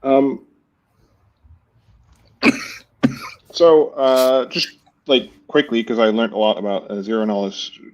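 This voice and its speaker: A man's voice: medium pitch, takes it slowly, long pauses, highs cut off. A man in the audience asking a rambling, unsure question about proofs, trailing off at the end. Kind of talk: casual question.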